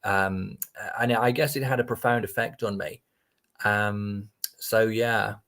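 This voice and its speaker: A man's voice: on the low side, steady tone, slow, a bit bright. An English man as a podcast guest, talking reflectively and hesitantly, often restarting his sentences. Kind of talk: casual interview chat.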